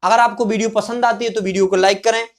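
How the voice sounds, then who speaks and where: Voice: medium pitch, fairly even intonation. A Hindi teacher giving a classroom-style grammar lesson at a board, talking patiently, repeating words, and answering their own questions. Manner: fills pauses with a checking "okay".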